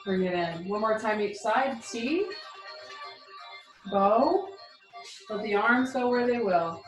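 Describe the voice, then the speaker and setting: A woman's voice: medium pitch, animated, slow pace. A woman leading a tai chi class, giving spoken movement cues in an encouraging, reassuring and informal way. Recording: roomy echo, music behind.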